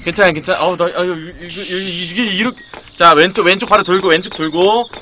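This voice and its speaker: A young adult male streamer coaching a teammate through a horror game, swinging between gentle reassurance and frantic yelling. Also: high-pitched, fairly even intonation, quick pace. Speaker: gaming streamer. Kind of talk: horror game relay commentary. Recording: clear background noise, game ambience with crickets.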